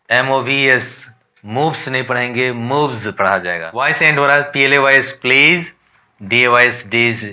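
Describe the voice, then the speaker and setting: A man's voice: medium pitch, pushed and bright. A man from India teaching an English pronunciation lesson, spelling words out letter by letter and repeating them for drill. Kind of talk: explanatory lesson.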